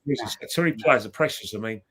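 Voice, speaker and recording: A man chatting casually about old football days, excitable and repeating himself as he gets going. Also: fairly low pitch, fast, slightly rough.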